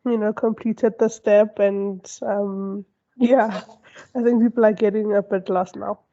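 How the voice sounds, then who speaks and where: A woman's voice: mid-range voice, fairly even intonation, measured pace, warm tone. A woman with a sore throat moderating an online workshop over a video call, politely stepping in with fillers. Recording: dull lo-fi video call audio.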